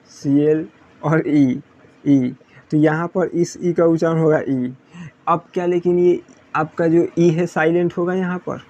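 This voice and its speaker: A man's voice: a little high, warm tone, dull audio. A man teaching English pronunciation in a classroom style, repeating points and asking questions he answers himself. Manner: repetitive, asks students questions then answers.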